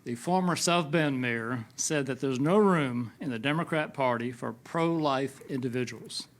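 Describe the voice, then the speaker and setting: A man's voice: medium pitch, unhurried. A man moderating a political panel, addressing the panelists and putting questions to them.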